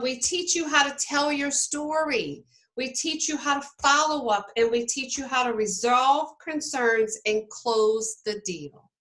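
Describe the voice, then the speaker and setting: On a low-quality recording, a woman with a high-pitched, bright, forceful voice leads a team meeting over video call. A network marketing team leader, she's upbeat and coaching, often checking in with her listeners.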